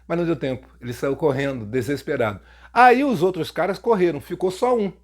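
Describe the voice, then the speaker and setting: A man's voice: on the high side, expressive, brisk. A man with a Brazilian Portuguese accent telling a first-person story to his viewers in a casual, mocking, jokey way. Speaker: storytelling YouTuber.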